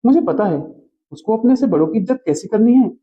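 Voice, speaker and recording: A man playing a calm, fair-minded husband who reasons with his mother in a comedy skit. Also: high voice, fairly quick. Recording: muffled lo-fi audio.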